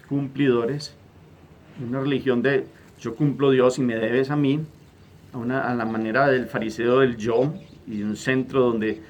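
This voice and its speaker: A man's voice: medium pitch, a little hiss or hum. A middle-aged man preaching a gospel homily as a priest, emphatic and repeating words as he searches for phrasing. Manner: acts out quoted prayers with a raised, louder voice.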